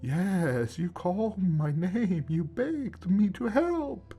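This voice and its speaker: A man voicing a frightened, guilt-ridden elderly grandfather in a horror story, with a slow, strained, halting voice. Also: on the high side, expressive, mellow, breathy edge, voice pushed up, heavily acted. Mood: remorseful. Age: older. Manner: halting, broken speech.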